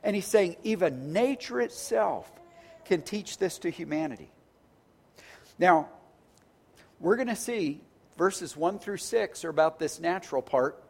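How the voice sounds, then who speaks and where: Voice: medium pitch, lively intonation, a little slow, pauses often, husky. Earnest conversational preacher. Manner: conversational, repeats words when restarting; earnest, builds phrases into lists. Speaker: pastor. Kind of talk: sermon.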